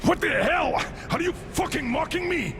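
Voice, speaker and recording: Shouting gravelly army colonel, drawn-out, loud music, long reverb. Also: male voice, very high voice, big pitch swings, heavily acted. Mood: enraged. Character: furious captive male military colonel. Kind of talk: video game voice acting.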